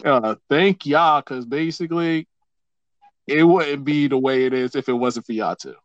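Male podcast host, mid-pitched, loose and rambling, on dry muffled audio. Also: unhurried, no echo. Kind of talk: casual podcast chat.

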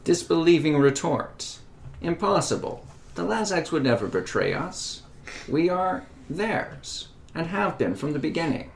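A woman's voice: low-pitched, animated, a little slow, gravelly, slight background noise, exaggerated voice. A woman voicing an old, outdated but defiant robot in a tabletop game, stiffly announcing each kind of sentence before saying it. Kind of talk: tabletop role-play.

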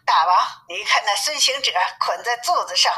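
A woman voicing a clever, boastful male monkey king from a storybook, with quick, cheeky retorts and a tinny phone-like sound. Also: fairly high pitch, lively intonation, bright, forceful tone. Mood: sly.

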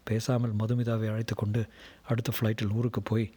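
A man reading a novel aloud as narrator, in a steady, measured storybook manner. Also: fairly low pitch, breathy edge. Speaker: audiobook narrator.

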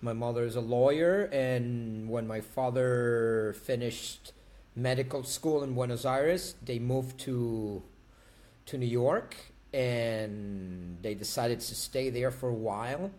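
A man's voice: mid-range voice, slow pace, darkish tone. A man, a guest on an interview, talking casually, laughing and repeating words for emphasis. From Argentina. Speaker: guest, actor and tango dancer.

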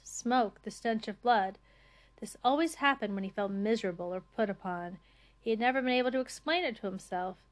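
A woman reading a comic novel aloud as narrator, with a measured, dry delivery. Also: medium pitch.

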